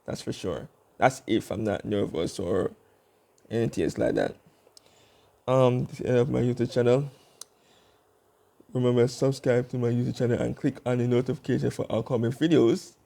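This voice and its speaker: A young man talking to camera in a casual vlog, rambling with fillers and restarts as he tries to keep his speech slow. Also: mid-range voice, gravelly, dark tone. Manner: working to speak slowly and deliberately. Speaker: YouTube vlogger.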